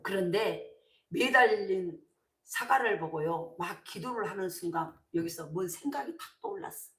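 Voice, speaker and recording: A middle-aged woman pastor preaching a sermon, telling stories in a colloquial, animated way with emphatic bursts. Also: mid-range voice, normal speed. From South Korea. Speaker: senior pastor. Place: church sanctuary. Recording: echoey church sanctuary.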